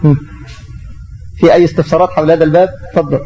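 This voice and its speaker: A man's voice: fairly high pitch, steady tone, very fast, dark tone, soft background music, low-quality recording. A middle-aged man with an Egyptian Arabic accent, teaching an Islamic lesson and taking questions, explaining through rhetorical questions.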